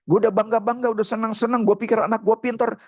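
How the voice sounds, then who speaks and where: A furious army father barks at his son in coarse slang, as a preacher puts him on. The voice is pushed up high and strained. The sound is muffled and dry. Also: animated, moderate pace, no room sound. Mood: angry. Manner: shouting, coarse Betawi slang.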